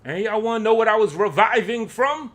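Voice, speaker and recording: A rapper ranting at his critics, swearing heavily and swinging from shouting to low muttering. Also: expressive, brisk. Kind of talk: profane angry rant.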